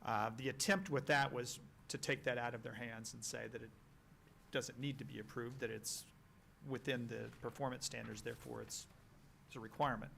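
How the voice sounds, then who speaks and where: A man on a town's planning staff, explaining policy to a council in a halting, explanatory way on a meeting microphone. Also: medium pitch, fairly even intonation, gravelly, fairly bright tone, slight background noise. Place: town meeting room.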